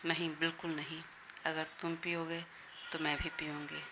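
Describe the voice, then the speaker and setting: A woman's voice: sits low, level tone, moderate pace, noisy background, lightly acted. A woman voicing a stubborn, playful young wife who teases, in a Hindi audio story.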